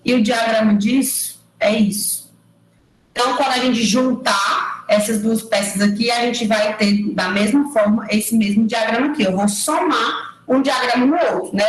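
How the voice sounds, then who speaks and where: A woman lecturer giving an online engineering class, explaining step by step and checking in with quick tag questions. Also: a little high, reverberant, slight background noise, rough recording. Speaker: university lecturer. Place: room at home or office, recorded over a digital platform. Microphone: computer mic on a video call.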